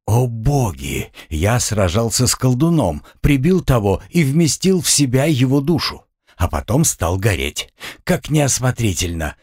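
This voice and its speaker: Man voicing a calm young commander. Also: mid-range voice, a little slow, breathy edge, dry recording, clean studio sound, pitched above the performer's own voice.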